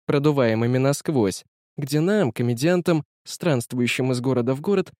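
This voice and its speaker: A man voicing a lively young stage actress in an audiobook, pitching his voice up for her quick, warm protests. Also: dry recording, clean studio sound, close to an everyday voice.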